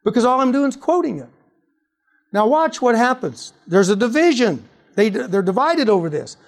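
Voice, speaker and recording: Guy preaching about apologetics, pretty high voice, keeps throwing questions at the crowd. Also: moderate pace. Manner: animated, asks rhetorical questions. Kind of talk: teaching on apologetics.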